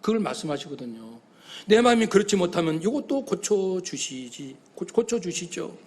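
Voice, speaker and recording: A middle-aged man preaching a sermon as pastor, animated and heartfelt, sometimes acting out the voices in his story. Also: sits high, moderate pace.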